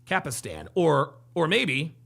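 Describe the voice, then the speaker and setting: Animated high-voiced man with gravelly edge. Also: slow. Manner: animated, joking, repeats himself. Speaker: streamer reacting to a dating show. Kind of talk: live stream reaction commentary.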